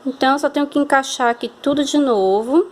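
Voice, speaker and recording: Speaking briskly in a high-pitched voice, a Brazilian woman demonstrates hand sewing with a Brazilian Portuguese accent. The lesson is patient and step-by-step, with regular check-ins with whoever is watching.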